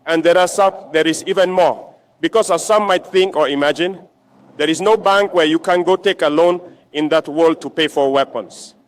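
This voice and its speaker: A man's voice: fairly high pitch, normal speed. A man giving a rallying political speech to troops as a military leader, exhorting them with repetition and rhetorical questions.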